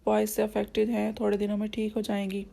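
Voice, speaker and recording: Stern possessive young man, flat blunt delivery, read by a woman narrator. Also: mid-range voice, vocal fry. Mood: calm. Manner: firm, blunt.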